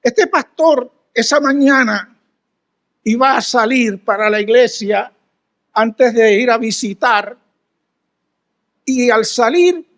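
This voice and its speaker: Male guest preacher, very high voice, animated storytelling with pauses. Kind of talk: storytelling sermon.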